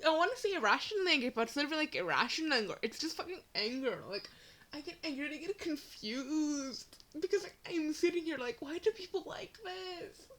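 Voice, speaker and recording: High-voiced exasperated woman ranting. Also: lively intonation, brisk, a bit bright. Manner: exasperated, swearing, many fillers. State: voice cracking. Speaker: fan commentator. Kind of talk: ranting vlog commentary.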